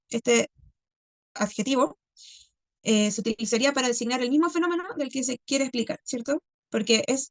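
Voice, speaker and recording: Lady teacher explaining stuff to her class, kinda high voice, lots of "eh" and "¿ya?", dry close sound. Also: gravelly, dry recording. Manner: explanatory, frequent "¿ya?" and "¿cierto?" checks, many "eh" fillers. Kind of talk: recorded class review lecture.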